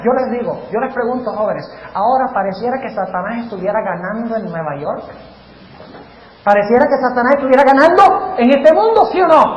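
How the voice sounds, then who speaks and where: High-voiced pastor preaching in an echoey hall. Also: male voice, highs cut off. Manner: animated, quizzes the audience with questions. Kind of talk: sermon. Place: large hall before a live audience. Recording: echoey hall, faint noise.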